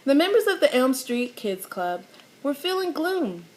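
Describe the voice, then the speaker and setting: A woman with a high voice reads a children's picture book aloud in an animated, teacherly way, pausing to explain the pictures.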